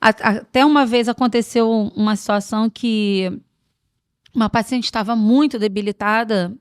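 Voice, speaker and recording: A woman guest on a podcast, telling stories in a lively, expansive way in casual chat. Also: a little high, normal speed, smooth, no echo, studio quality.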